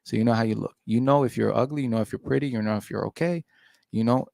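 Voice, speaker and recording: Gravelly man lecturing, "right?". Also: medium pitch, quick pace, mellow, no echo, studio quality. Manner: lecturing, keeps asking "right?". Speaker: podcast panelist. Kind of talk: casual podcast debate.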